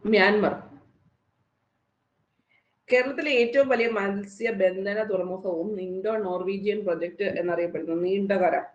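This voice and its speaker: Quick-talking Malayali woman teacher, roomy sound. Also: mid-range voice, highs cut off. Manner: quick, conversational, quizzing students. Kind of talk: explaining exam answers to students.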